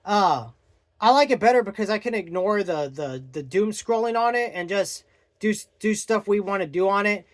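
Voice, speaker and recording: A man's voice: sits high, animated, normal speed. A young man casually reviewing a book on his vlog, rambling and often searching for words.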